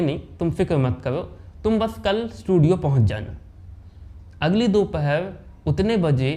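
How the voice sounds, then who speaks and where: Male storyteller, slightly high, warm and mellow, dramatic delivery that switches voices for quoted characters. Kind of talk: anecdote narration with acted dialogue.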